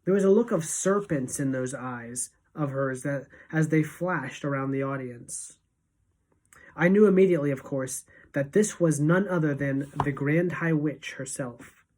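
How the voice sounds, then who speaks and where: A woman teacher reading a novel aloud to students, expressive and shifting between hushed and emphatic. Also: sits low, a little slow, low-quality recording.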